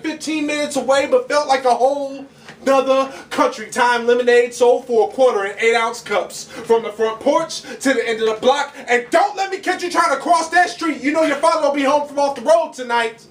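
A man's voice: very high-pitched, fairly bright tone, slight background noise. A young man performing a rhythmic, emphatic spoken word poem on a small bar stage, caught on a stand mic by a distant camera. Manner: rhythmic, emphatic delivery with big arm gestures. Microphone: stand mic, far camera. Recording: roomy echo from far off.

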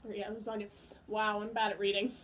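A woman hosting a food-tasting vlog in casual chat, giggly and quick to scold her co-host. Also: medium pitch, level tone, slight background noise.

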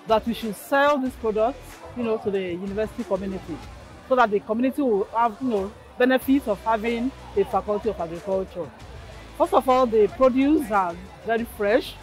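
Middle-aged Nigerian-accented woman dean, outdoor interview, steady and hesitant, light music underneath. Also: a little high, low-quality recording. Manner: measured, with frequent fillers. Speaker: faculty dean. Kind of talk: on-camera interview. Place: outdoor market on campus.

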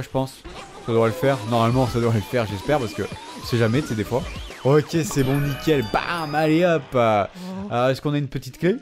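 A young man giving casual gameplay commentary, chatting to the characters on screen with sudden excited outbursts. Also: medium pitch. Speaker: let's play gamer.

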